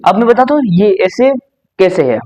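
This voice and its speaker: A man's voice: high voice, lively intonation, moderate pace, warm tone, dull audio. A young man teaching a class lesson, explaining step by step, repeating himself and saying "okay" often.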